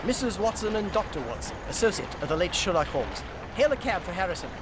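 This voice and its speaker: A gallant Victorian doctor in a radio play, his voice fairly high and very animated. He is earnest, formal and commanding, protective of others, with clear street noise behind him. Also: fast talker. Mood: brisk. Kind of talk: radio drama acting.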